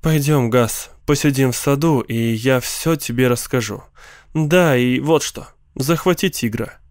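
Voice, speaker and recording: A tender young wife, quick to tears, her voice lifting as she pleads, as a male narrator puts her on. The voice is set in a dry, close audiobook recording. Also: medium pitch, no room sound, lightly acted. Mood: gentle. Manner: pleading, softly raised voice. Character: gentle, tearful young wife and mother.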